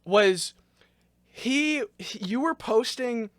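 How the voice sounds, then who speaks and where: A man's voice: very high-pitched, expressive, drawn-out words, dry recording, studio quality. A young man hosting a casual podcast chat, joking, swearing and laughing often. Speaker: podcast host.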